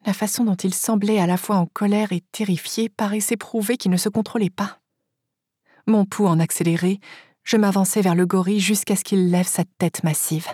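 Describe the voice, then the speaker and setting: Brief: woman narrator, husky voice, dry close sound, steady first-person audiobook reading. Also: medium pitch, moderate pace, no room sound.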